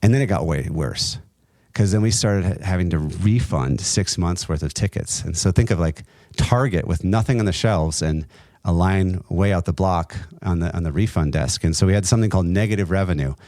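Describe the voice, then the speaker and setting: A middle-aged man speaks in a very low voice, recorded close and dry. He tells his story as an interview guest in an earnest, halting way, with many restarts and a few laughs. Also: dark tone, no echo. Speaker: guest, entrepreneur and nonprofit co-founder.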